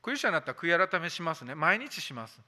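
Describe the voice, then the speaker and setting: A man's voice: fairly high pitch, very animated, rapid-fire, bright, forceful tone. A pastor delivering a sermon, stressing key points by repeating them and putting rhetorical questions to his listeners. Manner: asks the congregation rhetorical questions. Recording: long hall reverb.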